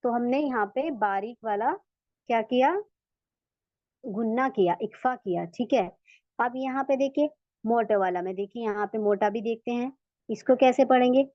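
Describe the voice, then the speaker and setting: A woman teaching a recitation lesson to women. She patiently repeats each step and draws out sample words slowly. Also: fairly high pitch, no echo. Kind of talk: online tajweed lesson for women. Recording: dull, lo-fi, dry sound.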